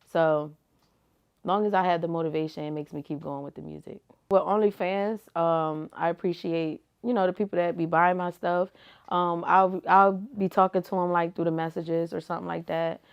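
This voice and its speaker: A woman's voice: on the low side, fairly even intonation, moderate pace, creaky, clear, resonant tone, highs cut off. A young woman giving casual, slangy answers as an interview guest, laid-back and full of "like" and "you feel me". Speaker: rapper and reality TV personality, guest.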